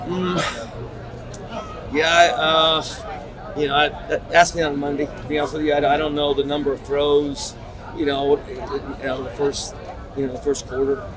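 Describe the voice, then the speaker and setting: Middle-aged man, coach at a postgame presser, slightly high voice, stop-start answers, crowd chatter in a stadium corridor. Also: little pitch movement, rough recording. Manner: halting, repeats words and restarts sentences. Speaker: head football coach. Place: concrete-walled stadium corridor. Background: crowd noise.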